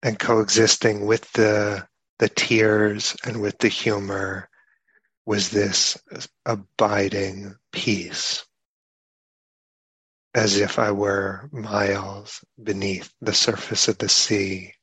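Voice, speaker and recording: Low-voiced guy giving a slow dharma talk, kinda husky, halting, lots of ums, pretty flat. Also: dry recording, poor audio. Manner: slow, halting, reflective, many pauses and fillers. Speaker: meditation teacher.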